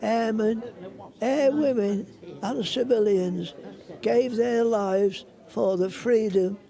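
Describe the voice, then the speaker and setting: A very old man, a veteran, speaking slowly and deliberately about his wartime memories. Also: high voice, mellow. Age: older. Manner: slow, measured and gravelly. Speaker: veteran interviewee.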